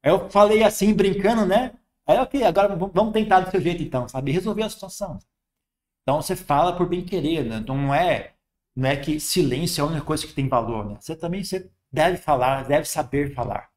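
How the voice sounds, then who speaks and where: A man's voice: fairly high pitch, fairly quick. A man with a Brazilian Portuguese accent, a Buddhist monk giving a conversational dharma talk, often tagging "sabe?" and "né?".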